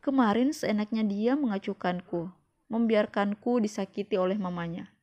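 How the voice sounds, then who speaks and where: A woman's voice: medium pitch, moderate pace, mellow. A woman narrating a romance novel in the first person, with emotional, tense storytelling. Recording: dull lo-fi audio.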